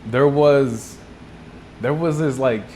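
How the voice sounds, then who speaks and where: A man's voice: mid-range voice, slow, darkish tone, slight background noise. A young man with a Texan accent, co-hosting a casual podcast chat, rambling through stories with frequent laughs and acted-out quotes. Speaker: podcast co-host back from a trip.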